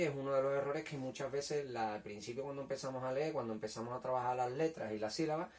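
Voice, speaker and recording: A man teaching a children's lesson in a patient, repetitive way, checking understanding often and sounding out syllables slowly. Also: medium pitch, a little mellow, recorded from a distance. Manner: patient, repeats points, checks with "¿vale?". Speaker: primary school teacher. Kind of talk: recorded language lesson for children.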